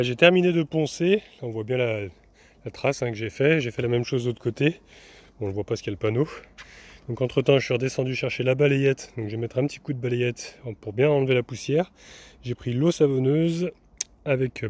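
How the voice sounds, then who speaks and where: A man's voice: mid-range voice, a little fast. A young man chatting casually through a do-it-yourself build, filling his talk with fillers and restarts as he works, partly on a camper van roof outdoors. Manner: chatty, many fillers and restarts, talking while working. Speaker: vanlife vlogger. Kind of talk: casual DIY narration.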